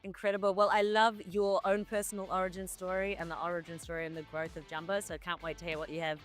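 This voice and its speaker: An interviewer on a business news show asking brisk, upbeat questions. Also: medium pitch, level tone, a bit bright, faint music behind.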